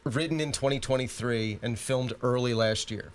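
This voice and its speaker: A man's voice: medium pitch, normal speed, slight background noise. A man co-hosting a podcast, chatting casually and leaning heavily on "like" as a filler. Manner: chatty, heavy use of "like". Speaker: podcast co-host. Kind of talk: casual chat.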